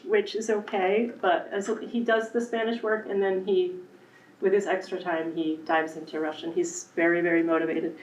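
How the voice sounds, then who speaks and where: A woman who teaches elementary Spanish presents conversationally at a school committee meeting, her mid-range voice a little mellow and her speech full of ums. The recording sounds distant, echoey, and muffled.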